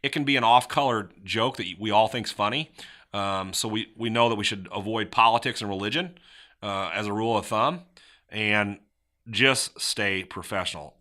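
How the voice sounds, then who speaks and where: A man's voice: on the low side, moderate pace. A middle-aged man hosting a podcast, giving casual motivational sales advice and acting out sample lines in different tones. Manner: animated, acts out sample lines with shifting tone. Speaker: podcast host.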